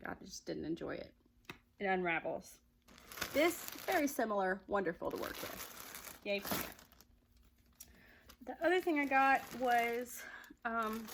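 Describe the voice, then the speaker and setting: A woman's voice: mid-range voice, creaky, a bit bright, slight background noise, low-quality recording. A chatty woman with a Southern accent, rambling cheerfully through a casual yarn vlog and laughing often. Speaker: yarn vlogger. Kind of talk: casual chat.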